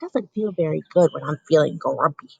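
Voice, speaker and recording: A teacher reading a picture book aloud at home to young children, asking them gentle questions and leading a breathing exercise. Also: female voice, deep voice, expressive, moderate pace, gravelly, husky, no room sound, dull audio.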